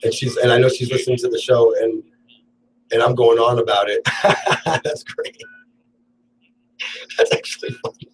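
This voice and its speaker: A man's voice: mid-range voice, little pitch movement, normal speed, long pauses, slight background noise, poor audio. A man hosting a radio talk show, rambling and laughing often through casual on-air banter in the studio. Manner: rambling, laughs a lot, playful.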